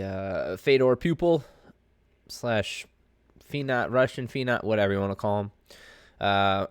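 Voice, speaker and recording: Male sports podcaster, low and clean-toned, sick with a cold, informal rambling delivery, close dry sound. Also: clean tone, dry recording. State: under the weather, congested with a cold. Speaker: podcast host. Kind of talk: casual solo sports commentary.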